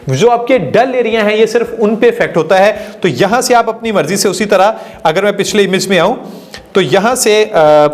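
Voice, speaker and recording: A man giving a screen-recorded video editing lesson, explaining each step and mixing English terms into his talk, with hesitant fillers. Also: high-pitched. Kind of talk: screen-recorded software tutorial.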